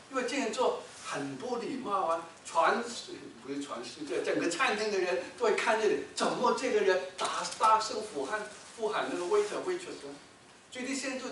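A man preaching a sermon as a pastor, telling a story with rhetorical questions and loud bursts when he quotes someone shouting. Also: sits high, slight background noise. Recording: echoey hall, mic from far off.

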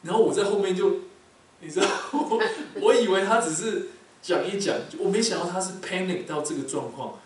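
A man preaching a sermon to a congregation, animated and asking them frequent questions. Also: high-pitched, brisk. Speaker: pastor. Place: large echoey hall, church. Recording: very echoey hall, distant mic, faint background noise.

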